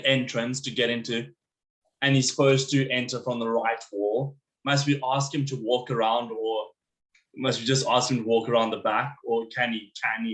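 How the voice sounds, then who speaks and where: A man's voice: mid-range voice, fairly bright tone, rough recording. A man volunteering as an usher, asking careful questions in a hesitant way.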